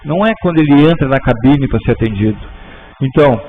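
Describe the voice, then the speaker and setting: A man teaching a spiritist class in a conversational way, often tagging sentences with "né?" and restarting them. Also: medium pitch. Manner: conversational, frequent "né?" tags, halting restarts. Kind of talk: informal class talk. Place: spiritist center auditorium. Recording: tinny lo-fi with faint hum.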